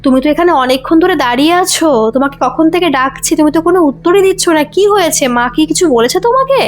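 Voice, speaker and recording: Brief: woman reading worried sister-in-law, questioning, high voice. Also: animated, fast. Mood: concerned. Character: concerned young sister-in-law.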